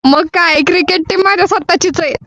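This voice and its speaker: A very high-voiced woman with a Marathwada Marathi accent banters as a prank caller. She answers with cheeky, scolding comebacks. The sound is dry and somewhat dull. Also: quick pace, fairly bright tone, no echo. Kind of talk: casual bantering prank call.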